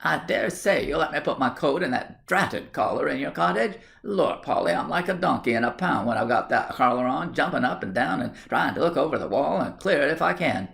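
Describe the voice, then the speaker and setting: A man's voice: fairly high pitch, lively intonation, fairly quick, creaky, few pauses, a bit bright, pitched above the performer's own voice, full character voice. A man doing Tom, a good-natured village lad. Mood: cheerful. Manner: broad rustic country speech, joking.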